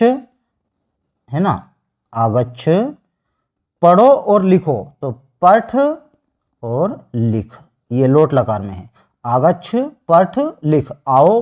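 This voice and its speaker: A man teaching Sanskrit grammar online, slowly repeating each answer after asking it back. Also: mid-range voice, darkish tone. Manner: slow, repeats answers with rhetorical questions. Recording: dull lo-fi sound.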